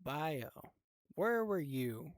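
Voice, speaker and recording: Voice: medium pitch, very animated, very slow, no echo, clean studio sound. A game master running a live tabletop horror game in a laid-back, chatty way, laughing and swearing now and then.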